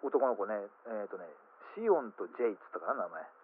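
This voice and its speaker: A man host telling an animated story on a casual radio talk show. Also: lowish voice, quick pace, slight background noise. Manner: animated storyteller acting out quoted voices. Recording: narrow phone-like radio sound.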